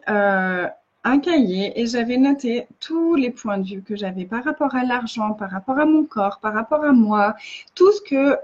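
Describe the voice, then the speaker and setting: A woman's voice: on the high side, a little mellow, muffled recording. A woman facilitator giving earnest casual coaching in a live video, often restarting and repeating phrases.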